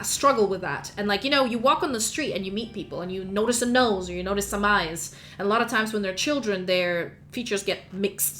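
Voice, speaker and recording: A woman's voice: mid-range voice, fairly bright tone. A woman narrating as game master, rambling through lore with lots of fillers.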